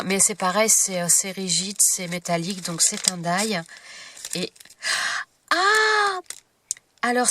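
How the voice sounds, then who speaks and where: Stuffy-nosed woman gushing over gifts, talks a bit far from the mic, noisy background. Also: mid-range voice. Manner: chatty, gushing, many fillers. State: stuffy nose. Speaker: craft vlogger. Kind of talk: casual unboxing chat.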